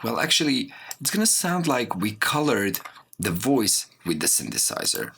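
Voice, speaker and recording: An audio production course instructor narrates a step-by-step software tutorial in a low, creaky voice whose pitch moves lively as he explains. Mouse clicks and keyboard typing sound in the background, along with a little hiss or hum.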